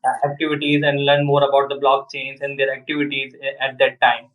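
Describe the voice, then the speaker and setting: Halting male podcast host, distant mic. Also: medium pitch, completely flat delivery, narrow, tinny audio. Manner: halting, heavy use of "like" and "uh". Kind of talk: casual podcast interview.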